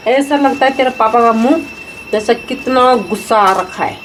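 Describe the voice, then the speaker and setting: A woman's voice: on the high side, steady tone, moderate pace, slight background noise, rough recording. A woman with an Uttarakhand Pahadi accent, teasing and chiming in during a family chat. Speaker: family member. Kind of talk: casual family banter.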